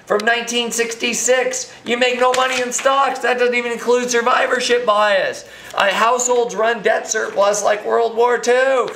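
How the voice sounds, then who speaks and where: Drunk american guy ranting and swearing, sharp bright voice, rambles, echoey room. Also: extremely high pitch, a little hiss or hum. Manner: emphatic, indignant, heavy swearing. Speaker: financial commentator. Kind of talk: profane off-the-cuff rant to camera. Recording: echoey, roomy sound.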